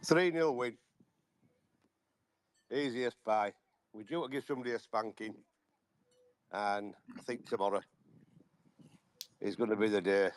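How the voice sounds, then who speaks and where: A man giving blunt, halting football opinions over a remote call on a fan podcast. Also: on the low side. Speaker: podcast regular. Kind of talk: casual football chat.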